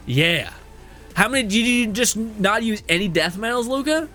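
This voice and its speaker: A young man streaming live and chatting casually with his viewers. He talks loosely and swears a lot, laughs often, and sounds a bit hoarse. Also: high voice, big pitch swings, moderate pace, bright, forceful tone, soft background music. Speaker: game streamer. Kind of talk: casual livestream chat, reading chat aloud.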